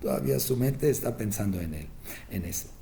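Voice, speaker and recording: A man's voice: fairly low pitch, animated, moderate pace, mellow, a little hiss or hum. A man, a rabbi, giving a Torah lesson as a teacher who tells stories and keeps asking his listeners whether they follow. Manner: storytelling teacher, asks listeners "¿sí?"; acts out the family members' replies in a raised voice.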